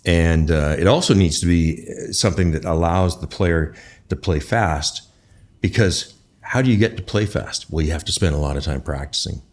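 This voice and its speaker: A man answering as a guest expert in an interview, explaining conversationally in a thoughtful, halting way with pauses. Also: sits low. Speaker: guest expert, bass maker.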